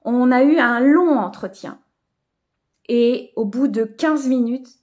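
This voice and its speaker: A woman hosting a live coaching stream, speaking in a reflective, spiritual way with many fillers and soft laughs. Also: fairly high pitch, slow. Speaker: host of a live coaching session. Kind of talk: casual live stream talk, greeting viewers.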